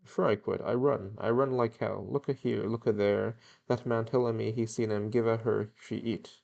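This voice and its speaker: A man voicing an excitable male Italian immigrant laborer with a put-on Italian accent and broken English. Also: lowish voice, normal speed, creaky, lo-fi sound. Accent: mock Italian, broken English.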